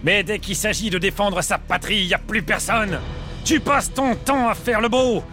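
A woman's voice: medium pitch, moderate pace, over music, natural voice. A woman doing a scornful mighty warrior. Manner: scolding, mocking. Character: mighty warrior prince, scornful older brother.

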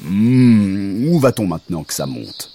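A man voicing a gentle cow who leads her friends in a children's audio story, calm and humming before she speaks. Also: fairly low pitch, measured pace, slight background noise.

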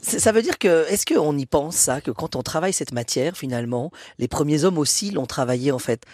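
A man's voice: a little high, fairly quick, no room sound, studio quality. A man hosting a radio show about crafts, chatty and playful with his guests. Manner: lively, chatty, playful teasing. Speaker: radio host.

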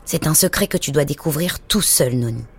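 Storybook mother, tender and secretive, low-voiced, played by a woman, music bed. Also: animated, brisk, a little hiss or hum. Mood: apologetic. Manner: tender, hushed. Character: gentle, mysterious young mother. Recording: music playing underneath.

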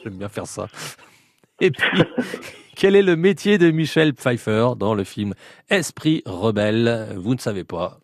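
A man hosting a live radio quiz as a game show host, drawing out questions and tossing in quick asides. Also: medium pitch, big pitch swings, faint music behind. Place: radio studio.

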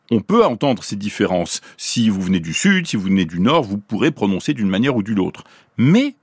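A man from Paris explains in a scripted radio talk, his lowish, slightly husky voice rising and falling with lively melody. He slows down carefully to sound out examples, recorded dry in a studio. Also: dry recording. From Paris, France. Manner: clear, lively teaching tone, slows to pronounce examples. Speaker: science columnist explaining linguistics.

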